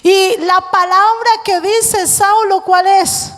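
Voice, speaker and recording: A woman preacher giving a lively sermon, acting out voices and joking with the congregation. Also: extremely high pitch, slow. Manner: animated, acts out voices, jokes with the congregation. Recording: long hall reverb.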